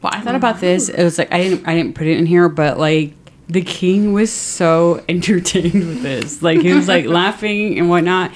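A woman with a lowish voice co-hosts a book podcast. She chats in an animated way, full of fillers, and also reads the chapter summary aloud. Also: normal speed, a little hiss or hum. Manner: chatty, filler-heavy, animated. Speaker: podcast co-host. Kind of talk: casual chat and reading a book summary.

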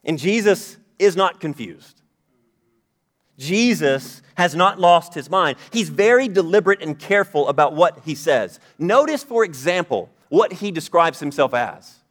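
A man's voice: a little high, lively intonation, a little slow. A man, a pastor, preaching a sermon in a conversational style, rising emphatically at key points.

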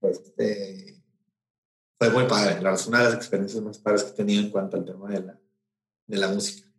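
A man's voice: fairly low pitch, flat delivery, fairly quick. Rambling Mexican man, echoey room. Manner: rambling, many fillers and restarts. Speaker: event promoter. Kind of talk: casual storytelling interview. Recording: roomy echo.

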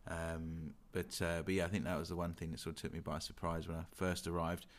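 A man's voice: deep voice, level tone, brisk. A young man with a London English accent, chatting casually and reflectively, hedging often with "sort of" and "you know". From England. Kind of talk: casual chat.

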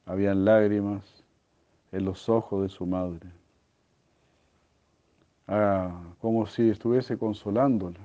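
A man telling a devotional story as a religious lecture, speaking slowly and deliberately, often clearing his throat and asking "¿no?". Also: on the low side, steady tone, dark tone. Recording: dull lo-fi recording.

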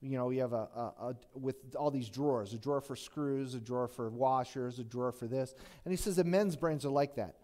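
A man's voice: medium pitch, fairly quick, few pauses, darkish tone. Male pastor, middle-aged, mid-range voice. Chatty, folksy sermon delivery with plenty of restarts. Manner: conversational and folksy, with frequent restarts.

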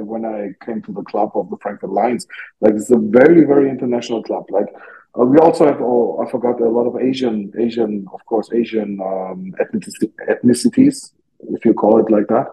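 A German-accented man of medium pitch talks at a normal speed, his tone dark, creaky and animated, on a low-quality recording. English isn't his first language; he's from Germany and coaches youth hockey, offering informal interview replies while hunting for the right words.

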